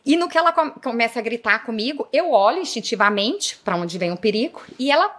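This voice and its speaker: Animated woman, police chief guest. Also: a little high, a little fast. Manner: vivid, dramatic retelling, often addresses the audience. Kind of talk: interview storytelling.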